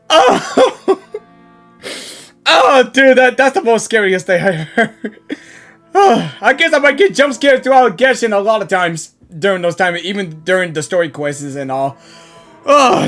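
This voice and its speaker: A game reaction creator offers casual, exclamatory, slangy commentary and talks back to the characters while game audio plays behind the voice. The voice is mid-range, pushed, and bright.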